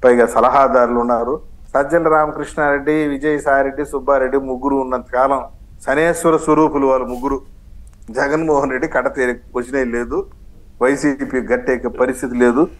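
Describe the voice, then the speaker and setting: Brief: man debate guest, mid pitch, sarcastic and combative, switches between languages. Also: little pitch movement, brisk, low-quality recording. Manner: combative, sarcastic, mixes in English phrases. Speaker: political party spokesman, debate guest. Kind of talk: heated TV news debate.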